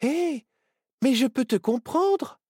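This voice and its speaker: A man's voice: very high-pitched, moderate pace, a little mellow, no echo, studio quality, pitched above the performer's own voice. A man voicing a spirited young girl magician turned into an owl, in a storybook reading. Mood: surprised.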